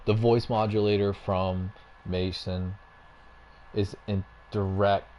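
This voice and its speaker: A man's voice: lowish voice, level tone, slow pace, dull audio, slight background noise. A young man in a casual, rambling gaming rant at home, getting fired up, with lots of fillers and restarts, speaking into a headset mic. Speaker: gaming YouTuber. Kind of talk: casual ranting commentary.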